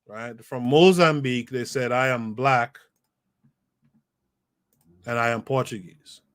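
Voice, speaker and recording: Speaking slowly in a mid-range, slightly bright voice, this man hosts a podcast livestream where he reads from a book and breaks off to add remarks. He's emphatic, repeating phrases for effect, and addresses his live chat audience directly.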